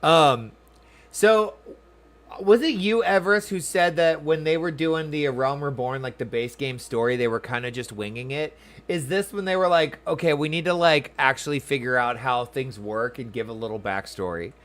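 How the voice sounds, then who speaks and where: A male streamer offers casual commentary on a game, thinking out loud and speaking informally to his viewers. His voice is medium-pitched and a bit bright, delivered at normal speed.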